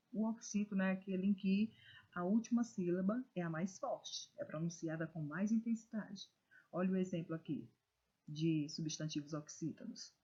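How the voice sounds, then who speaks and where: A Brazilian woman teaching a recorded class for children. Her voice is mellow and a little husky, and she reads words slowly, leaning hard on the stressed syllable. The sound is dull and lo-fi. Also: fairly low pitch. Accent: Brazilian Portuguese. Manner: slow, careful, stresses syllables when reading words aloud. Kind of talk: recorded video lesson for children.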